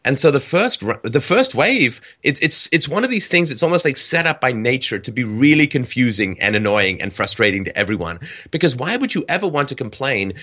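Brief: male host, bright, lively voice, animated talk. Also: medium pitch, a little fast. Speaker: podcast host. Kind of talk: casual discussion.

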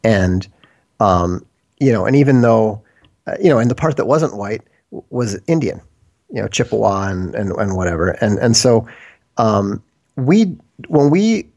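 Brief: male interview guest from Minnesota, low, gravelly voice, rambling delivery. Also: animated, unhurried, a little mellow. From United States, Minnesota. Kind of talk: casual discussion.

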